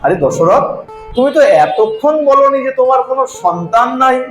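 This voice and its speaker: A male storyteller voicing an elderly sage who scolds and then reassures, in loud raised exclamations. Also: very high voice, animated, normal speed, reverberant, faint music behind, pitched above the performer's own voice, low-quality recording. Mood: reassuring. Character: elderly male sage, stern guru growing irritated.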